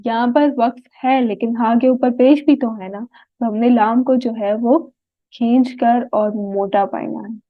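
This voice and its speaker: A woman with a Pakistani Urdu accent teaching a tajweed lesson, sounding out Arabic words slowly and often checking "right?" with her students. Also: fairly high pitch, fairly even intonation, dry recording. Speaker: Quran recitation teacher. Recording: tinny phone-like dry audio.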